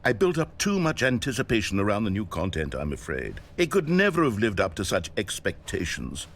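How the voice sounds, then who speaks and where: A man's voice: fairly low pitch, huge pitch swings, fairly quick, a bit bright, slight background noise, exaggerated voice. An actor playing a fussy, theatrical male narrator in a video game, eloquent and grandiose, indignant or wistfully nostalgic. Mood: apologetic, coaxing.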